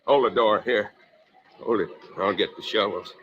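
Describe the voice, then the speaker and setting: In a muffled, noisy old radio recording, a man with a fairly low, slightly bright voice speaks at a normal pace, sounding close to an everyday voice. He's an actor in an old-time radio drama playing a surly, evasive American farmer and father. Panicked, he mutters terse fragments and barks orders.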